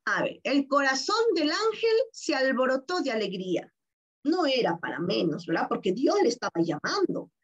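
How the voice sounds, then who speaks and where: A woman's voice: high voice, sing-song, normal speed, husky, lo-fi sound. A woman teacher with a Peruvian Spanish accent, reading a story aloud to young pupils and explaining it, often checking in with "¿verdad?". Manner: warm-toned, explanatory, keeps asking "¿verdad?". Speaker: primary school teacher. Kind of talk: reading comprehension lesson for children.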